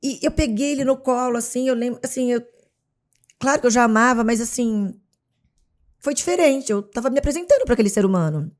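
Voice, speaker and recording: A woman with a fairly high voice talks fairly quickly as a guest on an interview show. Brazilian and a mother of three, she keeps things casual, with a Brazilian Portuguese accent, and brings her stories to life by acting out scenes.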